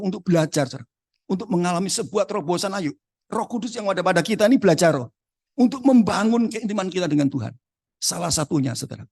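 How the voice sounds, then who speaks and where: A man with a Surabaya Javanese accent preaching a testimony sermon in a gravelly, husky voice that sits fairly high. He keeps calling his listeners brothers and breaks into acted dialogue. The sound is dry and close. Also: a little mellow, no room sound. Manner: repeats "saudaraku" constantly, acts out dialogue in Javanese.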